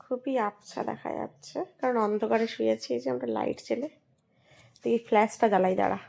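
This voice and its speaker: A woman with a high, light voice chats playfully with her baby in a casual home vlog. Her talk is coaxing baby talk, caught on a phone in a dim bedroom at night. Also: fast talker, gravelly, darkish tone. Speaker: vlogger mother.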